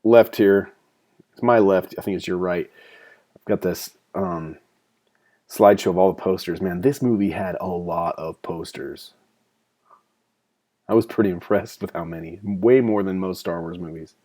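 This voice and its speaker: A man's voice: deep voice, moderate pace, pauses often, warm tone. A man talking casually and enthusiastically as he comments on a film while watching it, with frequent fillers. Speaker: movie commentary host.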